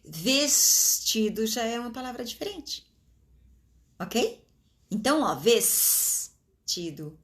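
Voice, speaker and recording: A woman with a Brazilian Portuguese accent giving an informal talk to fellow teachers, checking in often with quick tag questions and drawing words out slowly for emphasis. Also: a little high, sing-song. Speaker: teacher trainer.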